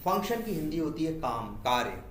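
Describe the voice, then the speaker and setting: A software testing instructor lectures a class in an echoey room, his fairly high male voice very animated and brisk over slight background noise. He asks his students questions, answers them himself, and repeats key terms, slipping English technical terms into his Hindi.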